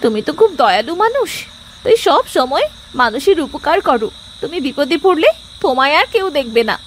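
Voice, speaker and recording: In Bengali moral-story cartoon dubbing, a caring yet sharp-tongued village housewife speaks in a high, very lively-pitched voice, playing every line as expressive domestic drama. She sounds sulky and questioning and talks briskly, with a little hiss or hum on the recording.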